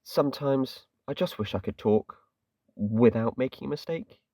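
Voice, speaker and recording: Recorded dry and clean in a studio but from far off, a man from England speaks at normal speed in a mellow, mid-range voice. He's a gaming channel host talking through his game casually and ramblingly, joking at his own expense and dropping plenty of "kinda"s.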